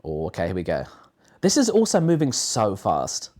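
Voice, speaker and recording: A man's voice: fairly low pitch, wildly swooping pitch, moderate pace, a little mellow. A man hosting a casual watch-along stream, sarcastic and dry, with plenty of swearing. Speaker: stream host.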